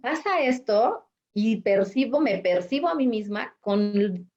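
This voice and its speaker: A woman's voice: lively intonation, takes it slowly, a little mellow, highs cut off. Woman coach talking spirit and healing. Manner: explains patiently, acts out quoted thoughts with rising pitch. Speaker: life coach and host. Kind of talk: reflective spiritual conversation on a live stream.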